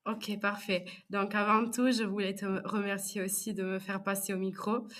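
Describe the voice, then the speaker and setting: A woman's voice: medium pitch, little pitch movement, moderate pace, fairly bright tone. A young woman speaking French, telling her story as a podcast guest with many hesitations. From Italy. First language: Italian. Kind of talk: personal interview.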